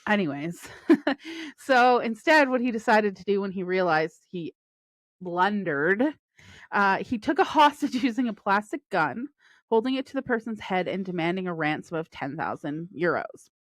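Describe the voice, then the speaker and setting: Woman, podcast co-host, casual storytelling, laughs a lot, mid pitch, dry sound. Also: sing-song, normal speed, no room sound. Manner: laughs often while telling stories. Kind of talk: casual true-crime chat.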